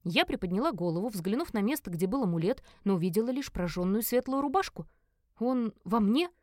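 A woman narrating a first-person fantasy audiobook with an expressive, dramatic reading. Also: medium pitch, quick pace, no echo, clean studio sound.

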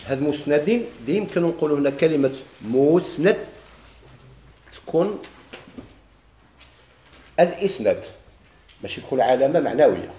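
A man's voice: fairly high pitch, lively intonation, normal speed, pauses often, warm tone, reverberant. A man with a Moroccan Arabic accent teaching a grammar lesson to a class, posing questions and answering them himself.

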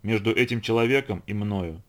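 A man's voice: on the low side, fairly quick, lightly acted. A man voicing a furious, determined young woman in an audiobook reading, speaking indignantly and firmly. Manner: indignant, firm.

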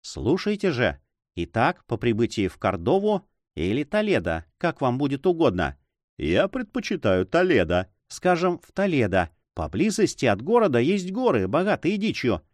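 A man reading aloud, voicing a composed priest who speaks calmly and coolly. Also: mid-range voice, normal speed, dry recording, clean studio sound. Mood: storytelling. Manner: calm, cool. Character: calm, measured male priest, cool and composed. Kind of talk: audiobook character reading.

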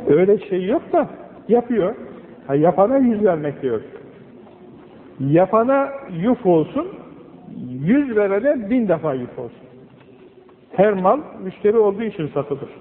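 An older man preaching a sermon in an earnest, admonishing way, his emphasis rising on key points, on an old low-quality recording. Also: a little hiss or hum. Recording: old lo-fi recording, phone-like band, echoey hall.

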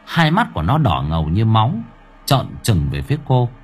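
Husky, animated male storyteller. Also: fairly low pitch, normal speed. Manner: expressive, dramatic. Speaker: audiobook narrator. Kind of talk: scripted horror story narration.

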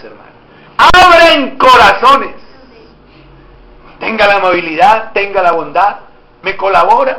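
A man's voice: high voice, pushed and bright. A man preaching to his congregation, asking them questions and acting out little scenes. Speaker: pastor. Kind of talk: interactive sermon. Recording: echoey church room with faint noise.

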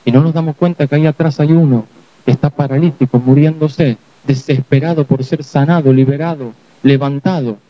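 A man preaching a sermon as pastor, telling the story vividly with quick acted asides. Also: on the high side, fairly even intonation, dull audio.

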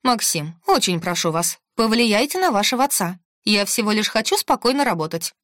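A woman voicing a fiery, indignant cook who rattles on in a shrill voice. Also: big pitch swings, fairly quick, fairly bright tone, dry recording, studio quality.

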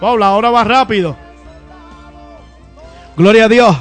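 Man, puerto rican accent, preacher, impassioned sermon, shouted hallelujahs, faint music behind. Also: sits high, measured pace. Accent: Puerto Rican Spanish. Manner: impassioned, frequent hallelujah interjections, shouts at peaks. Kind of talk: fervent sermon.

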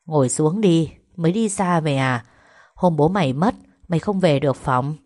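Old village herb doctor, gruff but kind, lowish voice; woman reads him. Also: animated, normal speed, a little mellow, no room sound, studio quality. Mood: gruff kindly. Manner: blunt, grandfatherly.

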